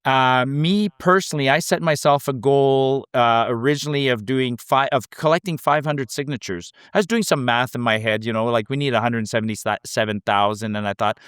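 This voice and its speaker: Male guest storyteller, animated, many restarts, smooth clear voice, dry close sound. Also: mid-range voice, dry recording. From Canada. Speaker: guest petition canvasser. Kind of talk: casual storytelling. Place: rural Alberta.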